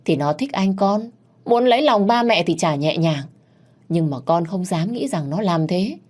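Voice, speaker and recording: A woman's voice: lowish voice, expressive, unhurried, a little mellow. Woman voicing an indignant young daughter. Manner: indignant, pressing. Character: young woman, sharp-tongued, protective daughter.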